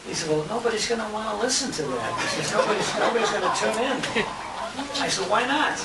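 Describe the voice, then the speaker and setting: At a tribute dinner in a restaurant banquet room, an American man who is a radio show host emcees informally, telling anecdotes full of quoted conversations. His high-pitched voice is animated and fast. A handheld compact camera records him from a distance, so the sound is echoey and the room noisy.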